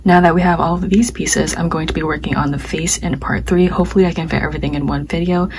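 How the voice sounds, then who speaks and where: A young woman, slightly hoarse, teaching a step-by-step crochet tutorial and counting her stitches aloud as she works. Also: deep voice, quick pace, noisy background. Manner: calm, talks while working, counts stitches aloud. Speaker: crochet instructor.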